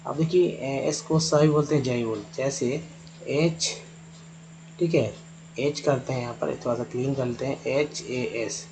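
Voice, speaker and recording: A man's voice: medium pitch, a little slow, a little mellow, slight background noise, poor audio. A man teaching English pronunciation, patiently spelling out words letter by letter and repeating each sound. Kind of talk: Hindi-language phonics lesson at a board.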